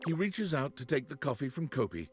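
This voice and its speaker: An actor as a wry narrator reading scripted second-person narration for a video game. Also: male voice, medium pitch, sing-song, brisk, slightly rough. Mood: dry, descriptive. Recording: music behind the voice.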